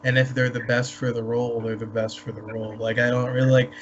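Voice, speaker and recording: Measured man giving opinions, lo-fi. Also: medium pitch, flat delivery. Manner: measured, opinionated, repeats "you know". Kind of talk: casual podcast chat. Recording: dull lo-fi sound with faint hiss.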